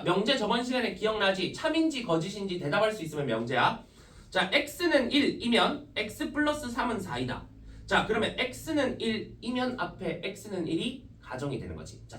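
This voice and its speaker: A man's voice: high-pitched, a bit bright. A male math teacher giving a classroom lecture, explaining step by step and opening nearly every phrase with a short "ja". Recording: echoey classroom, mic from a distance.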